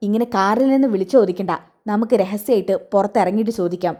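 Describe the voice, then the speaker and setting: A woman voicing a stern, bitter middle-aged man who gives gruff orders to his companion. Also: mid-range voice, fast talker, mellow, natural voice.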